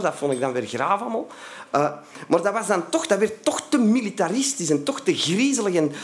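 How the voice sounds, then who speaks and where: Flemish male storyteller, animated and expressive, bit higher-pitched, lots of "eh" and restarts. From Flanders, Belgium. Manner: animated, lively telling with many fillers and restarts. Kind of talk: personal storytelling monologue.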